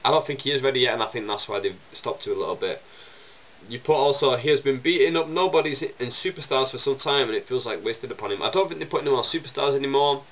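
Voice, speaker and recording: A young man with a chesty cold rambles casually through viewer questions in a vlog, coughing and sniffling as he goes. His medium-pitched voice moves fast and stays chatty, packed with fillers and restarts. The recording has its highs cut off.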